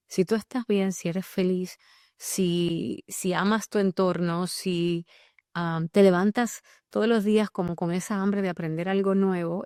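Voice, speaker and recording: A woman's voice: medium pitch, dry recording, studio quality. A woman from the Dominican Republic with a Dominican accent, a guest talking animatedly and enthusiastically in a casual interview. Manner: animated and enthusiastic, with fillers and restarts.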